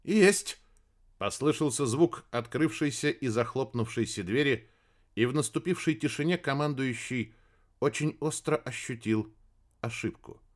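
A man reading a story aloud in a dramatic, expressive audiobook narration. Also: mid-range voice, moderate pace.

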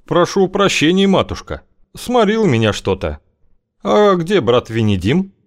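A man's voice: fairly high pitch, big pitch swings, unhurried, voice pushed up. A man reading an audiobook, voicing a guarded, evasive wanderer with a dry, wry way of talking.

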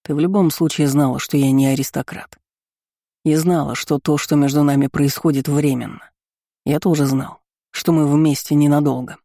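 A cold, sardonic young man from an audiobook, as a reader puts him on, bitter underneath and mocking in a cool, cutting way. The voice is dark and mellow, recorded dry and close. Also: medium pitch, fairly even intonation, moderate pace, no room sound, lightly acted.

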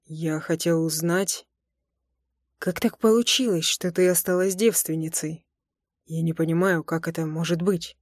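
A teasing, tender young man in an audiobook, put on by a woman reader. He speaks in a low, unhurried murmur, close and intimate. The recording is dry and close, with no room sound. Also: steady tone, a little mellow, dry recording. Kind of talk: audiobook character voice.

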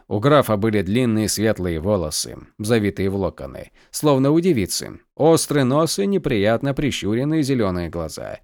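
A male audiobook narrator telling a fantasy tale with lots of movement in his pitch. His voice sits at a middle height and the recording is dry and close, with no room sound. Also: no room sound. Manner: expressive storytelling. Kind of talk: scripted narration.

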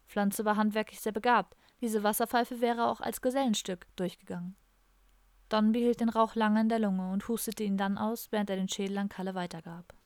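A woman narrating an audiobook in a steady, even storytelling manner. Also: medium pitch, a little fast, dry recording, clean studio sound. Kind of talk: scripted narration.

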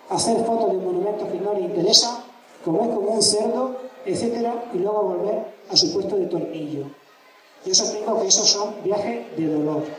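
Man from lecturing, ironic and emphatic, lots of rhetorical questions, mic far away, big echo. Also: high-pitched. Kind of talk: public lecture. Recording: echoey hall from far off with background noise.

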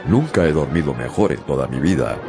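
An actor voices a young sailor narrating his own sea adventure in a dramatized radio story, speaking in first person with a wry, reflective mood. His exaggerated voice is extremely low yet swings widely in pitch, fairly quick, over a music bed.

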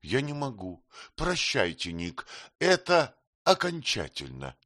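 A man's voice: medium pitch, huge pitch swings, slow pace, a bit bright, dry recording, studio quality, heavily acted. A man reading an audiobook, voicing a young woman who is anxious but resolute. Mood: anxious resolve.

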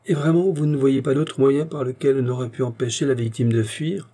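A man's voice: mid-range voice, fairly even intonation, brisk, warm tone, voice pushed up, natural voice. A man reading the part of a sly, cold police inspector with a grumbling manner.

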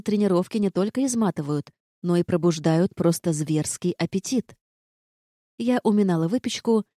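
A woman reading a fantasy story aloud in the first person, calm and even in her storytelling. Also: on the low side, dry recording, studio quality. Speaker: audiobook narrator. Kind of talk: first-person audiobook narration.

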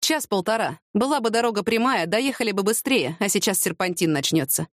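A woman voicing a calm, matter-of-fact male police officer in a steady, explaining tone. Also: medium pitch, brisk, dry recording, studio quality, close to an everyday voice.

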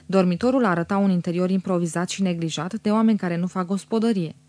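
A woman reading a classic novel aloud as an audiobook narrator, in measured storytelling. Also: fairly low pitch, darkish tone, no echo.

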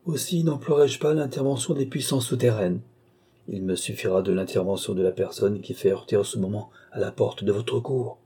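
A man voicing a cool, mocking count and sorcerer in an audiobook, calm and commanding. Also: on the low side, normal speed, breathy edge.

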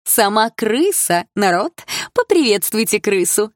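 A woman's voice: medium pitch, sing-song, moderate pace, no echo, studio quality, voice pushed up. A woman playing a sneering schoolgirl bully. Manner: sneering, taunting. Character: mocking teenage girl bully, cocky and cruel.

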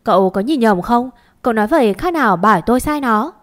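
A woman voicing a sharp-tongued older mistress who scolds and curses her servants in a storybook reading. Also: medium pitch, fairly quick, lightly acted. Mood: angry.

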